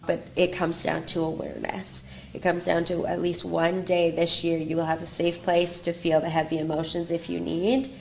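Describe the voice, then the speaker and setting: A woman speaking in an interview clip, gentle and earnest in her delivery. Her voice is low, gravelly and flat, and a faint background hum sits beneath her. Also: moderate pace, few pauses.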